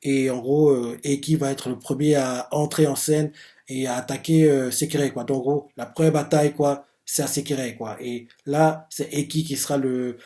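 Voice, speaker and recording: A man's voice: mid-range voice, fairly even intonation, moderate pace, warm tone. Rambling man recapping a manga chapter. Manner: rambling, heavy filler words. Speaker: manga reviewer.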